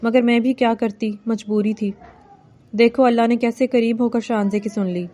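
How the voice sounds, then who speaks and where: A woman's voice: fairly high pitch, fairly even intonation, mellow, lightly acted. A woman voicing a caring, weary older village mother in a novel reading, affectionate and resigned.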